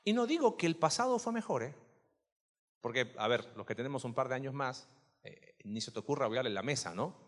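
A man's voice: mid-range voice, expressive, fairly quick, big-room sound. A man preaching a sermon in a church, chatty and full of questions to the congregation. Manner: conversational, asks the congregation questions. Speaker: pastor.

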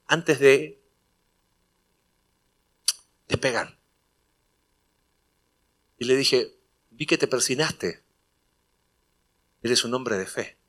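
Male preacher, bright tone, mid pitch; storytelling sermon that builds to emphatic points. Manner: conversational storytelling, acting out dialogue, rising to emphatic preaching. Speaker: pastor. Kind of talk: sermon with personal anecdote.

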